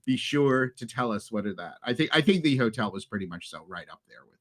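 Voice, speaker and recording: A man's voice: mid-range voice, lively intonation, fairly quick, a bit bright. A man hosting a travel podcast in casual chat, often laughing as he talks. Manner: laughs often while talking. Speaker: podcast host.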